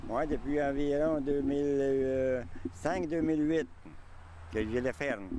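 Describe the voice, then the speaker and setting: A man with a Quebec French accent giving casual, halting interview answers as a farmer, restarting his words. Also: mid-range voice, fairly even intonation, warm tone. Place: outdoors on a farm. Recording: faint outdoor traffic noise.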